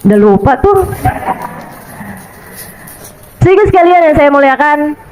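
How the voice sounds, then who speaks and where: A woman's voice: high voice, big pitch swings, fairly quick, darkish tone, a little hiss or hum, poor audio. A woman preacher giving a chatty, colloquial sermon, repeating rhetorical questions and acting out little quotes. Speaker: Islamic preacher. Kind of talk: colloquial sermon to a women's audience.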